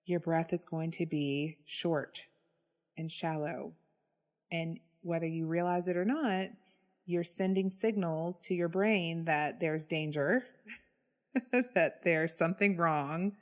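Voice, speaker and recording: A woman co-hosting a wellness podcast, talking conversationally and leaning on words for emphasis. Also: deep voice. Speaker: podcast co-host. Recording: long echoing reverb.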